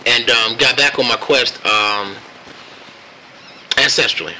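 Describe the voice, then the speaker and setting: An American man casually telling a personal story on camera in a reflective, laid-back and halting way. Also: mid-range voice, sharp tone, a little hiss or hum, rough recording. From United States. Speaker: vlogger.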